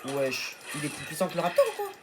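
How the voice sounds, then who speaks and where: A man's voice: a little high, wildly swooping pitch, quick pace, over music. A man hosting a gaming video, chatting casually as he plays and coaxing his tamed creatures aloud. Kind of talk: casual let's-play commentary.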